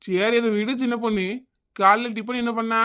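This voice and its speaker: A performer plays a grumpy husband in a comedy cartoon, blunt and sarcastic, with a Kanyakumari Tamil accent. The voice sits mid-range with a bright, tense edge. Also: mid-range voice, fairly even intonation, moderate pace, smooth, natural voice. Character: grumpy office-going husband, adult man.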